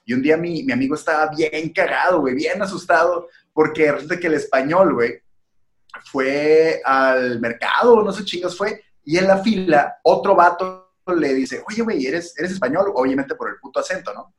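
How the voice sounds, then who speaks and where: A young northern Mexican man spins a rowdy anecdote on a podcast, slangy and profane. His voice sits slightly high, and the room adds a clear echo around it. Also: moderate pace. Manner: slangy, swears a lot, animated anecdote. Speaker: podcast co-host. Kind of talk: casual storytelling chat. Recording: echoey room.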